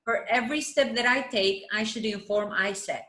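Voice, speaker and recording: Speaking with an Albanian accent, this twentysomething Albanian math teacher is an interview guest replying conversationally in her second language and repeating brief phrases to stress them. Her voice sits on the high side, bright and forceful at a moderate pace, and the sound is roomy and echoing.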